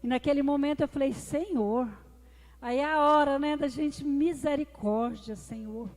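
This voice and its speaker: A Brazilian deaconess with a high, slightly mellow voice gives an emotional testimony at normal speed, calling the congregation her brothers. She speaks in a church hall, and the recording is reverberant with music in the background.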